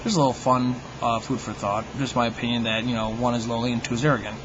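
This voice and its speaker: Wry man with a higher-middle lo-fi voice. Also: little pitch movement, fast talker, noisy background. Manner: wry, mock-opinionated, tongue-in-cheek. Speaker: video host. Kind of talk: humorous monologue to viewers.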